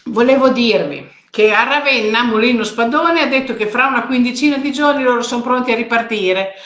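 A woman's voice: on the high side, brisk, fairly bright tone, reverberant. An older woman from hosting a live stream, chatting casually and greeting viewers by name. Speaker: host of a weekly live stream. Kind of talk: casual live chat reading viewer comments.

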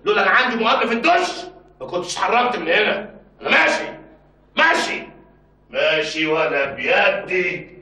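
A man's voice: high voice, big pitch swings, fairly quick, long pauses, bright, forceful tone, slightly rough, full character voice, poor audio. An actor with an Egyptian accent playing a boastful, scheming father who blusters and shows off. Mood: blustering. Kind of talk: TV drama acting.

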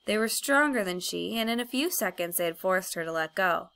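A woman narrating a children's storybook in an expressive, measured reading voice. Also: medium pitch, vocal fry, clean tone. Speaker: audiobook reader.

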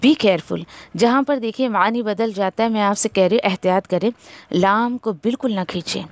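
A woman teaching a Quran recitation lesson, correcting pronunciation by slowly repeating syllables to demonstrate. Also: medium pitch, dry recording. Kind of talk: tajweed lesson.

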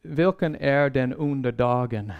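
Guy preaching a bible lecture, smooth resonant voice, slow and earnest, lots of pauses. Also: medium pitch, muffled recording. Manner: measured and earnest, with pauses and restarts. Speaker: Bible seminar speaker. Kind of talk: sermon-style Bible lecture.

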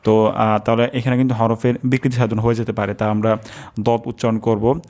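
A man teaching careful pronunciation, breaking words into syllables and repeating sounds slowly. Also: fairly low pitch, flat delivery, darkish tone. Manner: drawn-out melodic chanting when reciting verses. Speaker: Quran recitation teacher. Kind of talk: slow pronunciation lesson.

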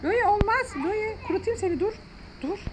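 A woman hosting a family vlog outdoors by a pool, coaxing and calling to her dog in a lively way. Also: extremely high pitch, normal speed, a loud crowd. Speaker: mother and vlog host. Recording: noisy outdoor recording.

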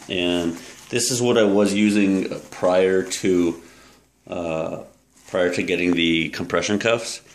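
A man in his thirties, a fitness coach, casually walking through his gym bag in a relaxed, rambling way with many fillers, filmed at arm's length in a small room. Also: deep voice. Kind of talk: casual gear walkthrough vlog. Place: small room with yellow walls, indoors. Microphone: handheld camera at arm's length.

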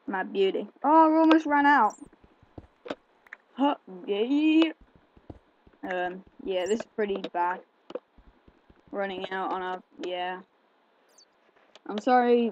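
Male gameplay host, unhurried rambling commentary with fillers; slightly muffled desk mic, keyboard clicks behind. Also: high voice, a little hiss or hum. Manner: rambling, chatty, with many fillers. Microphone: desk mic picking up keyboard clicks. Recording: slightly dull home recording with keyboard clicks.

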